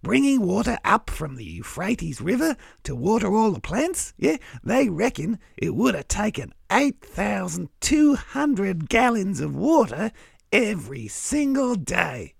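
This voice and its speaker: Gravelly, blokey Australian cartoon crow. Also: male voice, high-pitched, very animated, unhurried, dry recording, clean studio sound, exaggerated voice. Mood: chatty, matey. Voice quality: gravelly, raspy. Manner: blokey, casual tradesman-like slang and folksy asides. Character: cheerful matey Australian crow, amateur history explainer. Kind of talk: scripted comic educational dialogue.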